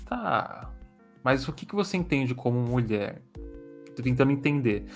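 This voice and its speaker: A Brazilian man with a mid-pitched voice talks casually, as in an interview. His articulation is a little hampered by braces on his teeth, and he stumbles and restarts phrases. Soft music plays behind him. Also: animated. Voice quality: slightly impeded articulation from dental braces. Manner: halting, stumbles over words, repeats phrases.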